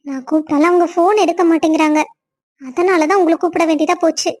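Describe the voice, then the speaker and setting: A woman's voice: very high-pitched, fairly even intonation, quick pace, a little mellow. A woman voicing the women of a family cartoon story, one after another.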